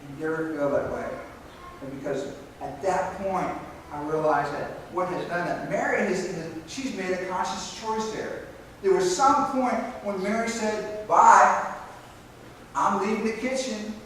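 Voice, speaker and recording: A man's voice: high-pitched, a little slow, a little hiss or hum. A man preaching a sermon as pastor in a church, talking in a conversational way with fillers and restarts. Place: church sanctuary. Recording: echoey church hall from far off.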